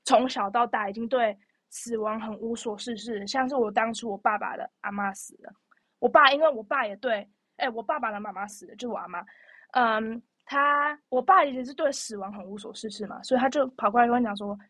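Young woman, podcast co-host; fast, chatty, animated storyteller, dry studio sound. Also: on the high side, no echo. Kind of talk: casual chat.

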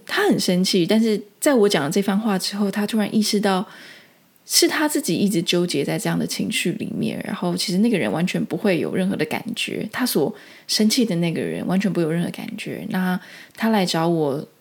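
A woman's voice: on the low side, sing-song, a little fast, creaky, darkish tone. A woman telling a personal spiritual story in a casual, rambling monologue full of restarts. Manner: rambling, with many restarts and fillers. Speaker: spiritual vlogger.

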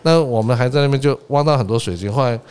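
A middle-aged man, a podcast guest telling anecdotes in a lively way, laughing often and repeating his words. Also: mid-range voice, fast, clean tone. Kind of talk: casual storytelling.

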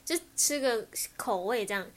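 A young woman with a Taiwanese Mandarin accent, telling childhood stories in a lively way and laughing often as podcast host. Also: a little high, moderate pace. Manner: animated storyteller, laughs often. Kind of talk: casual chat.

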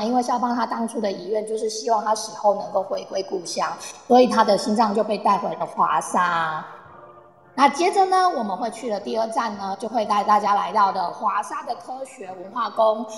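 A woman with a medium-pitched, natural voice plays an eager, talkative tour guide in a radio play, speaking slightly fast as she explains with patience and gentle coaxing. Her lines ring out in an echoey, reverberant space.

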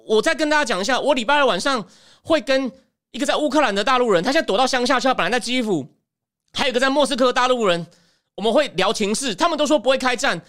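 A woman giving emphatic, animated political commentary as a podcast host. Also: fairly high pitch, fast talker. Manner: animated, emphatic, acts out quotes.

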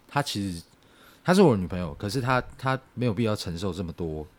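A young man, telling a personal story on a podcast in a halting, reflective way. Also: fairly low pitch, expressive. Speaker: podcast co-host. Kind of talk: casual podcast chat.

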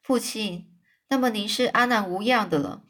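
A woman's voice: mid-range voice, moderate pace, fairly bright tone, natural voice. A woman voicing a frail, overwrought young man in a storybook reading, emotional and pleading. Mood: eager.

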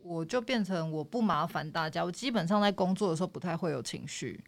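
A woman's voice: fairly low pitch, lively intonation, fairly quick, gravelly. A woman, a guest in a casual chat who explains her views at length, candid and reflective.

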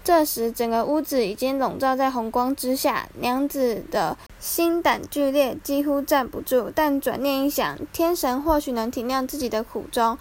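A woman narrates a classic folktale in a high, clear voice. She reads in a measured, dramatic way and slows down over tense moments. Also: a little mellow. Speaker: storyteller. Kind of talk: scripted storybook narration.

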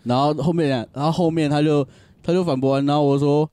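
A man's voice: on the high side, fast, no room sound, clean studio sound. A man, casually telling a story on a podcast, acting out voices and swearing freely. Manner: animated, acts out quoted voices, swears freely. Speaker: podcast co-host.

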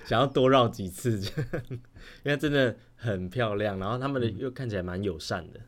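A man's voice: mid-range voice, normal speed. A man with a Taiwanese Mandarin accent, a podcast guest chatting casually about his travels. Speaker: podcast guest, primary school teacher.

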